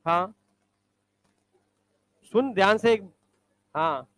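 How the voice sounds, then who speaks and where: A male teacher quizzing students in a classroom, briskly ordering them to stand up and recite examples. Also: high-pitched, lively intonation, fairly bright tone, clean tone, dry recording.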